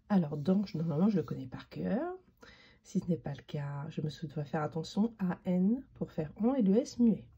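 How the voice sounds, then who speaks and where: A woman teacher giving a slow, patient handwriting lesson to young children, spelling out each letter as she writes. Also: fairly low pitch, mellow, slightly rough, dull audio.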